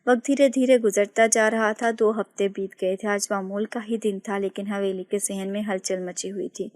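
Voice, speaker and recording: A woman's voice: mid-range voice, moderate pace, no echo, clean studio sound. Woman narrating a romance novel. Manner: steady, expressive reading. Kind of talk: reading a romantic novel aloud.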